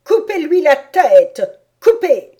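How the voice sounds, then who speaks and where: A woman reading a storybook aloud and voicing a furious, imperious queen with shrill shouted commands. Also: lively intonation, a little slow. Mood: furious commanding.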